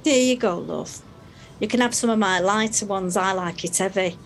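An actress playing a blunt, brassy and bossy gym regular in a sitcom. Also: female voice, mid-range voice, moderate pace, a little hiss or hum, close to an everyday voice. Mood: brash. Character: brash tactless woman, gym regular, bossy. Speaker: gym class member. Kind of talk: sitcom acting.

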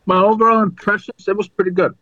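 A man co-hosting a podcast, chatting casually about sports, halting and restarting his sentences often. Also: high-pitched, fairly even intonation, pushed and bright, dry recording, muffled recording. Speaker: podcast co-host.

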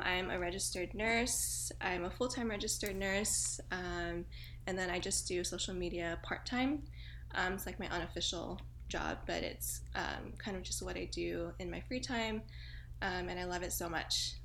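A woman's voice: lowish voice, fairly bright tone, a little hiss or hum. A woman in her twenties from Hawaii, a podcast guest chatting casually and laughing often, with plenty of fillers. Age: 20s. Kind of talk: casual chat.

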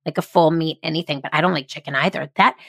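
A woman's voice: deep voice, steady tone, fast, gravelly, no room sound, studio quality. A woman hosting a podcast, chatting casually and affirming her guest eagerly. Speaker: podcast host. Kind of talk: casual interview chat.

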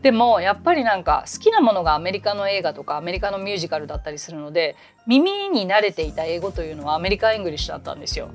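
A woman who teaches English, talking in a chatty, animated way as she hosts a casual podcast lesson, with quick asides. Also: on the low side, faint music behind.

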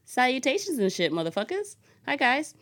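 A woman podcast host greeting listeners in a squeaky, high-pitched chipmunk voice. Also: big pitch swings, fairly quick, fairly bright tone. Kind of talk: casual podcast chat.

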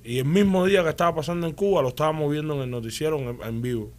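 A man's voice: a little high, rapid-fire. A man with a Cuban Spanish accent recounts his experiences in a casual conversational interview. He talks animatedly, restarts his sentences often and keeps checking in with his listeners. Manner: animated storytelling, frequent restarts and "¿me entiendes?". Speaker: interview guest.

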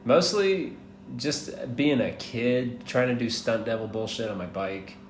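Born in Miami and raised in Atlanta, a man in his thirties speaks as a guest in a casual interview at a hostel. His medium-pitched voice moves a little slowly, and he's laid-back and rambling, laughing now and then and swearing casually, on a roomy recording with clear background noise.

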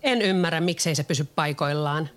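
A storyteller voicing a boastful, excitable boy who never grows up, in a lifted voice. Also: medium pitch, natural voice.

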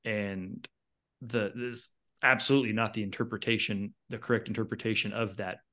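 A man with a lowish voice making his case in relaxed podcast conversation. He talks in earnest bursts, circling back with quick asides as he builds his argument. He uses plain, everyday speech. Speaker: podcast co-host. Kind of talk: casual discussion.

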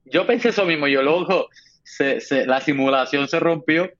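Man, casual chat, slightly high voice, muffled. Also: a little fast, a bit bright.

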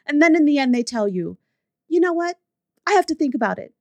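A woman's voice: high-pitched, very animated, fairly quick, dry recording, voice pushed up. A woman doing a chirpy female business coach. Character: eager upbeat female business coach blogger.

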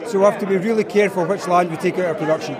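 A man's voice: high voice, steady tone, racing. A man with a Scottish accent, a mixed farmer, speaking hesitantly with many fillers. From East Lothian, Scotland. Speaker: livestock and arable farmer. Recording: crowd chatter behind.

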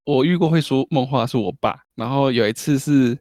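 A man's voice: mid-range voice, brisk, a little mellow, no room sound, clean studio sound. A man with a Taiwanese Mandarin accent, a podcast co-host telling jokey, self-mocking stories in a casual chat.

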